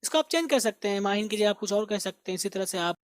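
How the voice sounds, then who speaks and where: A teacher, slowly explaining English grammar and repeating words aloud for pronunciation. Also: mid-range voice, lively intonation, no echo, clean studio sound. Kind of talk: spoken grammar and vocabulary lesson.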